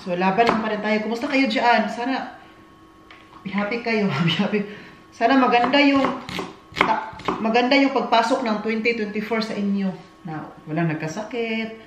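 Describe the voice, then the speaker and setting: Woman chatting while she cooks, rambly, laughs a lot, echoey kitchen, loud noise behind. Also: fairly high pitch, normal speed. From Philippines. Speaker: vlogger. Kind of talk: casual cooking chat.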